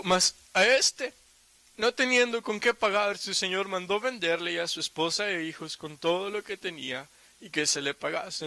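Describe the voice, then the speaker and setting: A man's voice: high-pitched, bright, forceful tone. A man preaching a sermon in Spanish, reading scripture aloud and explaining it with emphatic asides and rhetorical questions. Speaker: pastor.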